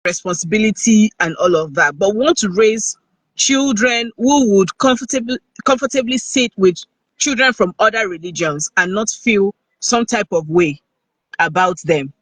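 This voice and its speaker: Husky Nigerian man, higher voice. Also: moderate pace, fairly bright tone, no echo, rough recording. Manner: earnest, conversational, checks in with the listener. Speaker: guest speaker. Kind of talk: casual live-stream talk. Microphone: video call.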